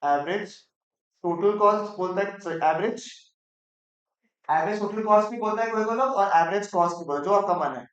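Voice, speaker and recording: Heard through lo-fi sound, this male economics teacher has a high, somewhat bright voice. Lecturing in an echoey room, he playfully teases the class with rapid questions in mixed Hindi and English.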